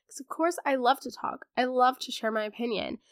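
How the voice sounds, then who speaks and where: Still stuffy from laryngitis, a teenage podcast host talks through an episode in a fairly high voice, fairly quickly. Her casual chat is sarcastic and packed with fillers like "um" and "like", recorded close and dry with no room sound.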